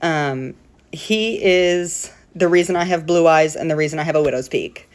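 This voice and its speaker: A young woman chats to her phone camera about her family, cracking jokes and swearing freely. Her voice sits slightly low, and she keeps the tone casual and playful. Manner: playful, profane, jokey with quick asides. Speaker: vlogger.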